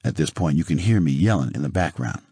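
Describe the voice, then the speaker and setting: A man's voice: a bass voice, animated, fast talker, dark tone, husky, no echo. A man narrating an audiobook in a blunt, confessional manner, on a close studio microphone.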